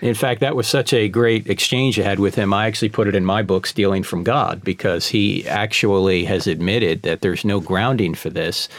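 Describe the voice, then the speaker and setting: A man's voice: fairly low pitch, steady tone, normal speed, hardly any pauses, dry recording. A man hosting an interview, engaged and agreeing, bringing in quotes from his own reading. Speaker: interview host and author. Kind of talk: conversational interview.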